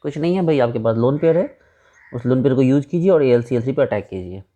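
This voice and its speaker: Mellow-voiced man teaching chemistry casually. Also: mid-range voice, lively intonation, quick pace. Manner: informal, rhetorical questions, addresses students as brother. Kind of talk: casual blackboard lecture.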